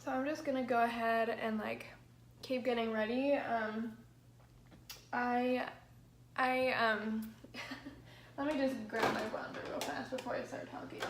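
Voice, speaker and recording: Her voice a little high and crackly from allergy hoarseness, a young woman rambles through a chatty makeup livestream, dropping "like" and "um" constantly. She's indoors in a small bedroom, picked up by the built-in mic of a camera held at arm's length, so the sound is roomy.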